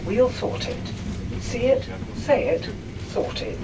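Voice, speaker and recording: Woman on a distant train loudspeaker. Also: a little high, very animated, takes it slowly, noisy background. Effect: train loudspeaker announcement. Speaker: train announcer. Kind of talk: pre-recorded onboard announcements.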